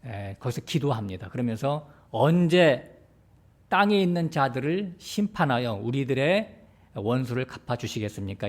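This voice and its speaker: A pastor preaching a sermon, explaining step by step and asking the congregation rhetorical questions. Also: male voice, medium pitch, darkish tone.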